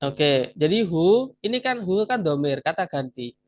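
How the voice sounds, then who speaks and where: A man teaches an Arabic grammar class online, patiently explaining step by step and repeating each word. His voice is on the high side and very animated at normal speed, coming through dull, lo-fi video call audio.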